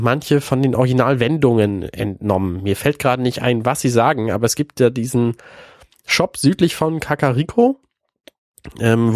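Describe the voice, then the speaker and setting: A man's voice: mid-range voice, darkish tone, dry recording, studio quality. A man in his thirties with a congested, stuffy-nosed voice, chatting casually as a podcast co-host and sometimes searching for words. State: stuffy nose from being ill, sounds congested. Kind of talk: casual chat about video games.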